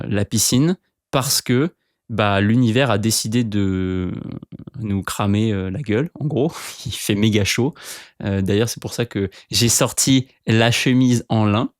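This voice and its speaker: A man hosting a casual solo podcast, telling stories in an animated way with lots of filler sounds, recorded at home in front of a bookshelf. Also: fairly low pitch, no room sound, clean studio sound. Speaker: podcast host.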